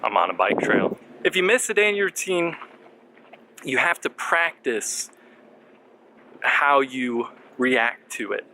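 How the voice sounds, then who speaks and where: A man's voice: mid-range voice, very animated, slow pace, pauses often, sharp tone, a little hiss or hum, low-quality recording. A man giving earnest, encouraging motivational advice while outdoors on a bike trail, slightly out of breath. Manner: earnest, encouraging, asks viewers questions. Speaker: marketing vlogger. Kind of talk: motivational talk to camera.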